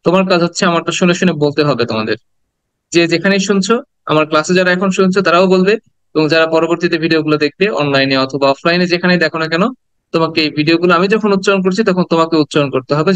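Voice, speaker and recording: A man with a Bangladeshi accent teaching English pronunciation to a class, mixing Bengali and English and slowly repeating each word for students to say after him. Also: a little high, clear, resonant tone, no echo, poor audio.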